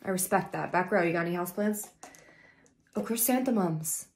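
A woman acting out a parody of a medical drama, switching between urgent shouted orders and hushed, earnest lines. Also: fairly low pitch. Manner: rapid melodramatic delivery, shifting between shouting and hushed tones. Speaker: sketch comedian playing every doctor.

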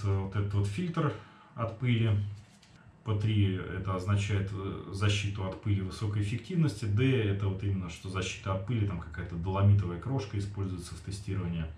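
A man in his forties with a lowish, mellow voice gives a casual, matter-of-fact product review, explaining things somewhat hesitantly. He's indoors in a small home kitchen, picked up by a camera across the table, so the sound is roomy and echoey with a distant feel and faint noise.

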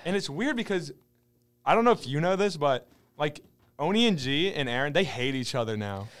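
A young man co-hosts a casual podcast, animated and jokey, slipping into mock voices. His slightly high voice jumps all over the place. The tone stays smooth and clear. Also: moderate pace. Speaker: podcast co-host. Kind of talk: casual chat.

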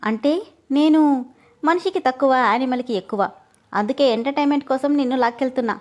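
A woman's voice: high voice, quick pace, darkish tone, lo-fi sound, close to an everyday voice. A woman doing a cheeky teasing young man. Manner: mocking and playful.

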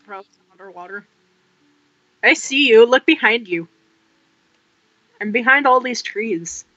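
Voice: mid-range voice, lively intonation, a little slow, pushed and bright, no echo, lo-fi sound. A co-player chatting casually during a game with blunt, short remarks. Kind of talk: casual gameplay chat.

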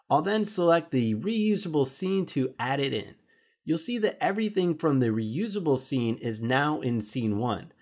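A man walks through a software tutorial, step by step. His voice sits a little high for a man, and he explains plainly and casually. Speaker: tutorial host. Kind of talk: screen-recorded software tutorial.

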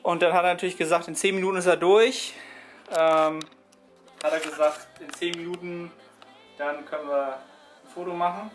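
A young man chatting excitedly in a casual fitness vlog from a small apartment room. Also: a little high, normal speed, a little hiss or hum. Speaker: fitness vlogger.

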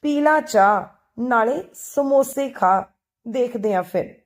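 A woman's voice: on the high side, animated, takes it slowly. A woman voicing a young woman upset about her arranged match, tearful one moment and teasing her friend the next, in a told storybook.

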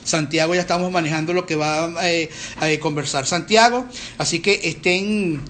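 High-voiced chatty man. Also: moderate pace, fairly bright tone, a little hiss or hum. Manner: rambling, chatty, with restarts and fillers. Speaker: band frontman hosting a live stream. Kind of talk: casual live-stream chat.

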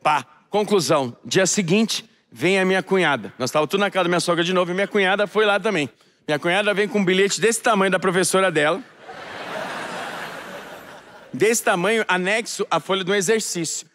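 A man from Brazil telling a stand-up story on stage, acting out each person in it with animated voices. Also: sits high, fast, slight background noise. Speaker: stand-up comedian. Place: theater stage before a live audience.

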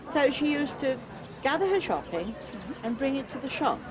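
An older English woman in her seventies speaks outdoors on a street among onlookers, her high-pitched voice swinging widely in pitch at normal speed. She chattily tells anecdotes in an informal public address and reminiscence, captured in a noisy outdoor recording with crowd sounds and ambience.

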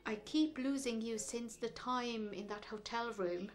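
A woman reading translated poetry aloud at a measured, deliberate pace, with a brief explanatory aside. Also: on the high side. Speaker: poetry reader.

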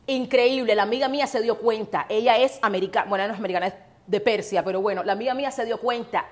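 Cuban woman guest, Cuban-accented, expressive and chatty in a casual interview. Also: on the high side, very fast, a little hiss or hum. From Cuba. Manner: animated, laughs often, acts out scenes.

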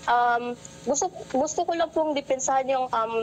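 A woman's voice: high voice, moderate pace, slight background noise, low-quality recording. A young woman making a complaint, hesitant with many fillers, polite to the host. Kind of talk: complaint on a call.

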